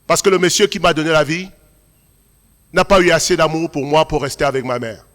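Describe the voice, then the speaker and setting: Male pastor, raised voice, preaching in a big echoing church hall, emphatic then quietly confiding. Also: on the high side. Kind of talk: sermon. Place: large church hall at a Sunday service. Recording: long hall reverb.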